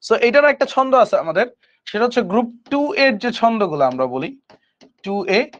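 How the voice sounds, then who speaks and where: A high-pitched man with a Dhaka Bengali accent leads an online chemistry lesson. He asks questions and has students repeat lists back to him. The audio is dull and lo-fi. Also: sing-song, normal speed, fairly bright tone. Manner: quizzes students with call-and-response recitation. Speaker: chemistry tutor. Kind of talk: online admission-prep lecture.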